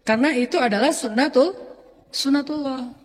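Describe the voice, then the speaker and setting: A male Islamic preacher giving a relaxed, humorous sermon, acting out everyday examples. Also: very high-pitched, normal speed. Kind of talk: casual conversational sermon. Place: lecture hall or mosque hall. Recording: long hall reverb.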